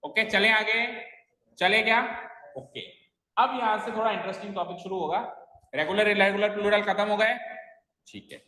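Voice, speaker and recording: A man's voice: sits high, fairly even intonation, moderate pace, long pauses, pushed and bright. A man teaching a grammar lesson in a classroom, explaining step by step and quizzing his students with questions. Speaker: English teacher. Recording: echoey classroom with long reverb.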